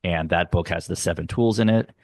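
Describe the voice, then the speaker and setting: A middle-aged man speaking earnestly as a guest in an interview, explaining ideas slowly and with emphasis. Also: low-pitched, darkish tone, no room sound, studio quality. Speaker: guest, youth arts nonprofit leader. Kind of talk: conversational interview. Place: home, dog barking nearby.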